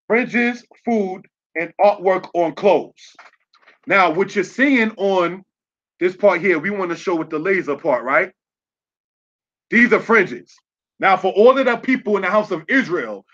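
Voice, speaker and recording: A man with a high-pitched, slightly bright voice and lively intonation teaches a little slowly, with long pauses, in a slide-based online religious lesson. He spells words out letter by letter and checks in with "all right?" on dull, lo-fi audio.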